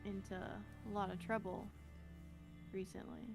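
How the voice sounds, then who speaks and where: A woman's voice: mid-range voice, little pitch movement, unhurried, music in the background. A woman chatting casually as a player in a tabletop role-playing game.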